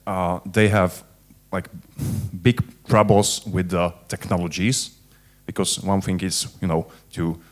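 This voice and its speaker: A man from a tech company making a halting comment from the audience at a panel, with many fillers. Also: sits low.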